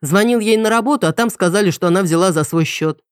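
A woman's voice: mid-range voice, fast talker, smooth, dry recording, clean studio sound, close to an everyday voice. A woman reading an audiobook, voicing a wry, weary male police detective who teases dryly and turns grave. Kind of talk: audiobook character voice.

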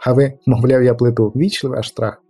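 A man's voice: medium pitch, little pitch movement, a little fast, mellow, slightly rough, soft background music. A man voicing a touchy, lecturing middle-aged castle steward in an audiobook. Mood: huffy. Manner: offended, lecturing.

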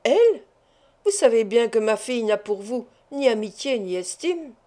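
A woman's voice: fairly high pitch, very animated, moderate pace, mellow. A woman reading the part of a stern, proud fisherman who refuses curtly and turns angry. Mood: firm. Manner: curt, firm refusals rising to anger. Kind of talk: audiobook character reading.

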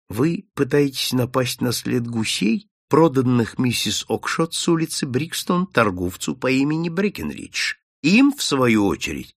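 A man voicing a shrewd, calm detective who speaks softly and kindly, in an audiobook. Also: medium pitch, vocal fry, husky, no room sound, clean studio sound, exaggerated voice. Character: shrewd male detective, calm and gently confident. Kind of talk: audiobook character voice.

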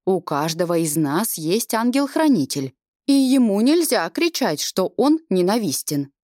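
A woman's voice: medium pitch, very animated, measured pace, a little mellow, no echo, studio quality. A woman voicing a worried, kindly abbess who speaks in a soothing, lamenting way in a storybook reading. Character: worried kindly old nun, convent abbess.

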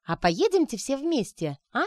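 A woman reading aloud and voicing an excitable young woman who talks loudly in eager exclamations. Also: high-pitched, moderate pace, no echo, studio quality, voice pushed up. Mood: excited. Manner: loud, exclaiming.

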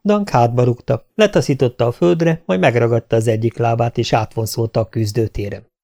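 A man narrating a fantasy story as an audiobook reader, measured and steady. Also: medium pitch, gravelly. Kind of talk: scripted narration.

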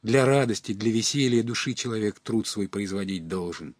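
A man's voice: fairly low pitch, normal speed, dry recording, lightly acted. A man doing a sly, cloying bald man. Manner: singsong, cloying flattery. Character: bald older man, sly, sugary and mocking. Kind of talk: audiobook character reading.

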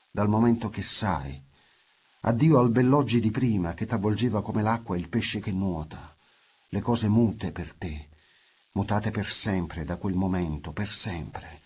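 Husky man reading literary prose softly. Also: fairly low pitch. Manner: hushed, intimate, reflective. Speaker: audiobook narrator.

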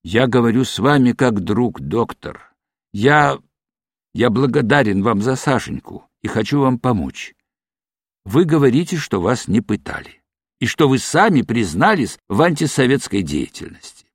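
A man voicing a calm intelligence officer who asks measured, probing questions, read as an audiobook. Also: medium pitch, breathy edge, no echo, studio quality, heavily acted. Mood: pressing. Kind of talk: audiobook reading.

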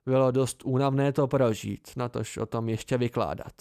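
A man voicing a weary, soft-spoken innkeeper in an amateur audiobook, with a raised, plaintive delivery. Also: medium pitch, steady tone, clear, resonant tone, no echo, studio quality, close to an everyday voice.

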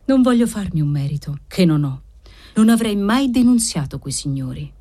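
A man's voice: high voice, lively intonation, moderate pace, dark tone. A woman voicing a meek, sickly man who talks plaintively and feebly, reading a novel aloud. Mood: sly.

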